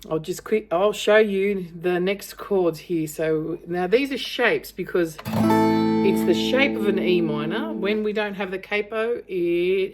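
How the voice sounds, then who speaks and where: In a casual lesson for a beginner, a woman teaching guitar and singing speaks in a low voice, offering reassurance and encouragement. Acoustic guitar strumming accompanies what she says.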